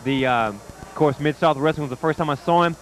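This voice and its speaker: A man's voice: fairly high pitch, brisk, faint music behind. A man giving live wrestling commentary from ringside in an enthusiastic, emphatic way.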